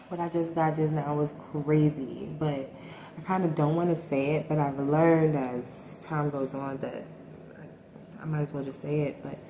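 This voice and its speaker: Mellow-voiced woman reading tarot, echoey room. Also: low-pitched. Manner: hesitant, thinking aloud with many ums and likes. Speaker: tarot reader. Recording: echoey room with faint noise.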